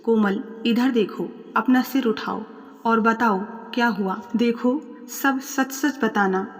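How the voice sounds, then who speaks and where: Anxious, tender storybook mother, raised pitch, long reverb, voiced by a woman narrator. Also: takes it slowly, soft background music. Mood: firm. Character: worried loving middle-aged mother.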